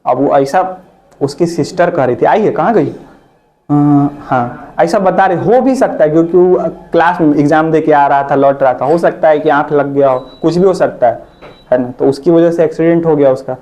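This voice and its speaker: A man's voice: fairly high pitch, normal speed, warm tone. A man teaches a computer class in a classroom. He talks in a chatty way, teases his students, and keeps turning questions back to them. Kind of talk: live classroom lesson.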